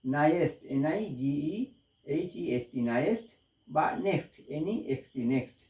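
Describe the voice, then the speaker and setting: A man's voice: fairly high pitch, lively intonation, unhurried, a little mellow. A man teaching a grammar lesson in Bengali who spells each English word letter by letter and then repeats it. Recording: echoey room, voice from a distance.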